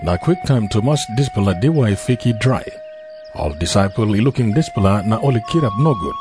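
A man's voice: fairly low pitch, sing-song, brisk, over music. A man with a Papua New Guinean accent narrating a dramatised Bible story from a script. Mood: measured narration. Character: calm male narrator of a gospel story.

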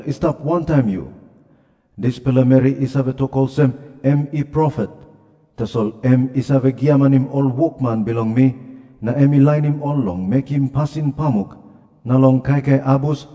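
A man's voice: mid-range voice, big-room sound. Papua New Guinean man reading scripture over music. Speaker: scripture reader. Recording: music behind the voice.

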